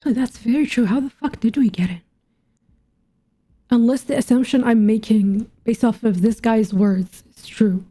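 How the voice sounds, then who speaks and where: A female streamer reacts to a game's story in a fairly high, soft, mellow voice at a moderate pace. Thinking out loud casually, she questions and muses over what she sees, her commentary informal and sometimes sweary.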